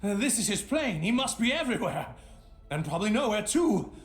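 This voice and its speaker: An actor with a high, very animated and slightly fast voice plays an unhinged male adventurer who has lost his memory and is sliding into madness. He rambles erratically and manically in a theatrical video game style, talking to himself. The recording is echoey, with faint music behind it.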